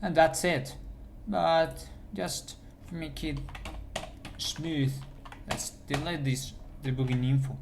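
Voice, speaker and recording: A man's voice: on the high side, slow pace, creaky, a little hiss or hum. A man teaching programming in a screencast, thinking aloud as he types and often restarting his sentences. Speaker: programming instructor. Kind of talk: screencast coding tutorial. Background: keyboard typing.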